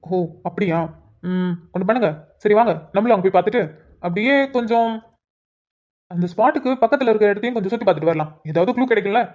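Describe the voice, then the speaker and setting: A woman voicing a calm, reassuring male police inspector in a cartoon, speaking steadily and with authority. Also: medium pitch, quick pace, highs cut off, close to an everyday voice. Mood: thoughtful. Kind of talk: cartoon voice acting.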